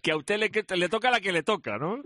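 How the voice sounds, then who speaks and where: A man hosting a morning radio show, chatty and quick, with many fillers. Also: high voice, animated, pushed and bright, no room sound, studio quality. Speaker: radio host.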